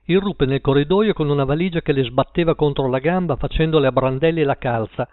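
A man's voice: on the high side, quick pace, no room sound. Man narrating a story over a tinny line. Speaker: audiobook narrator. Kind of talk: scripted narration. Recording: tinny phone-like line, dry.

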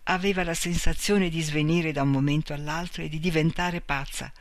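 A man reading a story aloud in a measured, expressive way. His voice sits a little high for a man. It is recorded dry and close. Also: no room sound. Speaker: narrator.

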